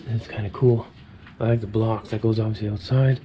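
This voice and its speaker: Talking a little fast in a flat, fairly low voice, a man in his thirties vlogs his casual exploration of an abandoned, fire-damaged house indoors, musing to viewers. The urban explorer films on a handheld camera, and the audio has its highs cut off and a little hiss or hum.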